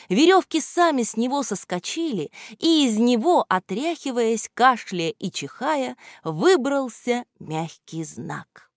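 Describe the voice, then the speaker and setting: Animated woman reading a children's story. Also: on the high side, no room sound, clean studio sound. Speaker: narrator.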